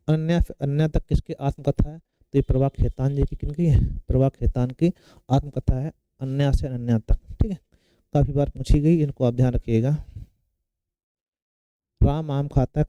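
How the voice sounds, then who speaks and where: A man's voice: medium pitch, warm tone, clear, resonant tone, no room sound, lo-fi sound. A man teaching grammar for an exam, asking questions and answering them himself, repeating the key terms. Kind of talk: exam-prep lecture.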